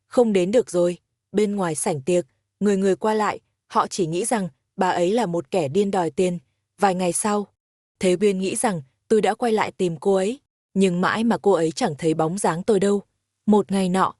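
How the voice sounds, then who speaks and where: A woman narrates a dramatic story in a steady, even voice. Her tone is mellow and dark, and the recording is close and dry, with no room sound at all. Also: medium pitch, dry recording.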